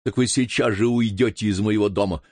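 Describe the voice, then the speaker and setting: A man's voice: on the low side, steady tone, brisk, darkish tone, no room sound, lightly acted. A man reading an audiobook voices a stern young baronet who speaks commandingly. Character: stern young male baronet, demanding answers.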